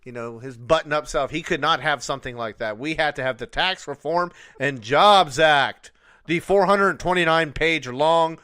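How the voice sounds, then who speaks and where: A man's voice: a little high, moderate pace, pushed and bright, smooth, no echo, studio quality. A man hosting a casual talk radio show, upbeat and teasing. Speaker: radio host.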